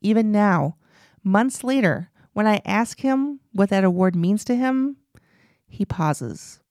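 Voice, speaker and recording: A woman hosting a radio show, reading scripted narration in a clear, measured way. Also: mid-range voice, animated, darkish tone, no room sound, clean studio sound. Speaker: radio host.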